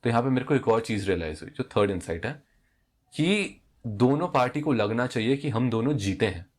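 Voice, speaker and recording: Lively young man telling a story. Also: fairly quick. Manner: animated, acts out dialogue with rising pitch. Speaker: vlogger. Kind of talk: casual storytelling.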